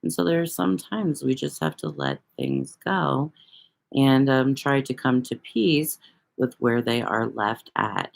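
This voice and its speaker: A woman's voice: very deep voice, creaky. A woman hosting a casual livestream, talking loosely to viewers, rambling and swearing freely. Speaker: livestream host reading viewer chat.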